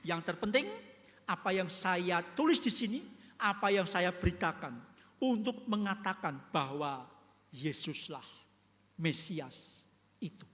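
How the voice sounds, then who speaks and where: A man's voice: sits high, lively intonation, unhurried, pauses often, fairly bright tone. A man pastor preaching a sermon in a conversational way, often asking his congregation for agreement. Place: church. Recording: long church reverb.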